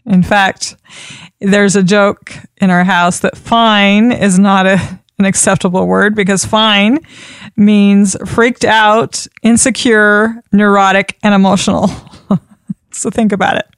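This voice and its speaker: Woman trainer, instructional delivery, measured and repetitive, smooth, dry close mic. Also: medium pitch, steady tone, dry recording. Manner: measured, repeats key points for emphasis. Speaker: communication trainer. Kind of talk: instructional talk.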